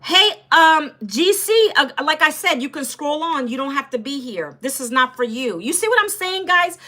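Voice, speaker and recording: A woman in her fifties from Northern Virginia hosts a livestream, chatting casually, addressing her viewers directly and reading their comments aloud. Her voice sits high and sing-song, with a sharp tone at a normal speed.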